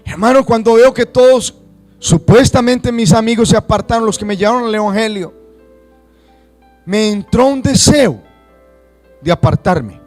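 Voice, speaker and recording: Impassioned high-pitched Colombian pastor. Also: male voice, moderate pace, pauses often, soft background music. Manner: impassioned preaching, rising to shouts, acting out churchgoers' excuses. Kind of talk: sermon. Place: church.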